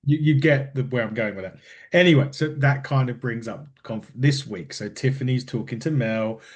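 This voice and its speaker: A man co-hosting a podcast in casual chat about wrestling, rambling and animated, often laughing and restarting sentences. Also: medium pitch, normal speed. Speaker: podcast co-host.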